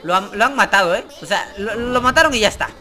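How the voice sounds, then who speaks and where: A man giving excited gameplay commentary as a gaming YouTuber, swearing and yelping in fright. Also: high-pitched, fast talker, a faint crowd. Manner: jumpy, swears, yelps and screams in fright. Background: game music.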